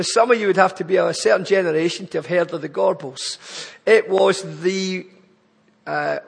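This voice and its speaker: A man with a high, gravelly voice, fairly bright in tone and edged with breath, speaks in a Glaswegian accent from Scotland. He makes an earnest, pleading charity appeal in a church, his words building into emphatic lists. A long reverb tail trails each phrase.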